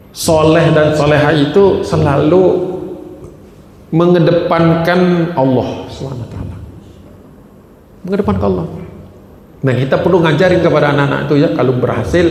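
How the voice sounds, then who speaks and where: A man preaching a dawn study sermon in a mosque, talking in a casual, personal way and slowly chanting Arabic verses. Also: a little high. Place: large mosque hall. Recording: echoey mosque hall with reverb.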